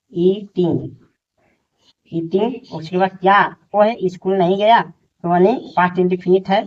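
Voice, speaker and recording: Man, teacher, grammar lesson, word-by-word dictation, unhurried, muffled lo-fi audio. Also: high-pitched. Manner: slow, repeats each word as if dictating. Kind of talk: slow Hindi grammar lesson, dictating sentences. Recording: dull lo-fi sound.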